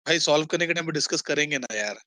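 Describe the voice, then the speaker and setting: A man's voice: fairly high pitch, expressive, fast talker, bright, forceful tone, no room sound. A man teaching an online accounting class, quizzing students and mixing English terms into his Hindi.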